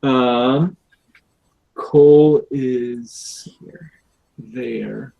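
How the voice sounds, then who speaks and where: A man playing a tabletop game over a video call, talking casually and haltingly with many ums. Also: mid-range voice, very animated, creaky, dark tone, poor audio. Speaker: player. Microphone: home computer mic on an online video call.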